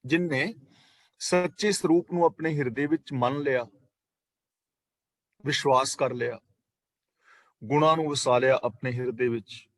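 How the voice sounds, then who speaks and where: A man's voice: mid-range voice, measured pace, long pauses, fairly bright tone, dry recording. A man teaching a scripture class over an online call, explaining verses line by line with parables and repetition. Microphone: online meeting call.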